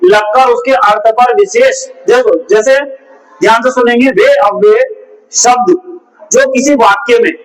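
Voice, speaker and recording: A man's voice: extremely high pitch, steady tone, unhurried, low-quality recording. A man giving a grammar lesson, repeating points and asking his students rhetorical questions. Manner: repetitive, asks rhetorical questions. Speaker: Hindi teacher. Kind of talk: classroom-style grammar lesson.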